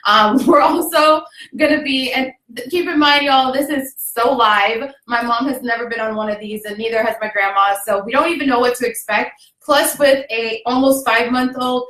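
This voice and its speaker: A woman's voice: on the high side, normal speed, a bit bright. A young woman from Jamaica hosting a casual livestream, upbeat and chatty, laughing often. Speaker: host. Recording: echoey room.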